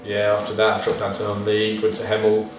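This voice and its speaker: Understated bloke chatting, pretty monotone, kinda hesitant, far from the mic in a boomy room. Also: male voice, quick pace. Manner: hesitant, understated, self-deprecating. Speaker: football player. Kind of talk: casual interview chat. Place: reverberant indoor room. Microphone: distant from the speakers. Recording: very echoey room, distant mic, faint noise.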